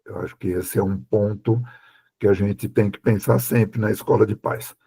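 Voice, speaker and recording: A man adding brief, measured comments as a guest contributor. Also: on the low side, fairly even intonation, creaky, warm tone, breathy edge.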